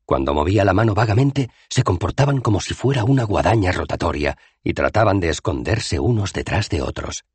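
Deep, husky male audiobook narrator. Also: lively intonation, a little fast, few pauses, dry recording. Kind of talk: scripted narration.

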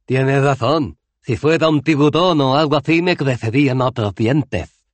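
A man voicing a gruff, weary old barbarian hero who has no teeth, in an audiobook. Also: medium pitch, very animated, unhurried, no echo, pitched above the performer's own voice, full character voice. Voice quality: toothless, mumbling. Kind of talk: audiobook character voice.

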